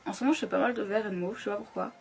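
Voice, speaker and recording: A young woman chatting casually through a makeup tutorial at home, keeping her voice soft so she won't disturb anyone. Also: mid-range voice, steady tone, very fast, creaky, slight background noise. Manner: chatty, talks softly so as not to disturb. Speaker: beauty YouTuber. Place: home room at a makeup table.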